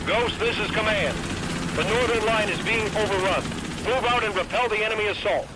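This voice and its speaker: A man's voice: sits high, a little fast. A man playing a clipped, authoritative military commander on the radio in a shooter game. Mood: brisk, commanding. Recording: radio transmission with battle noise.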